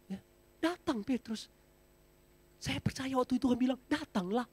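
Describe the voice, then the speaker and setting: A male pastor preaching a sermon in a church, speaking directly to his congregation and softening at the ends of phrases. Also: extremely high pitch, moderate pace, husky. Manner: addresses the congregation as brothers and sisters, drops to a soft close.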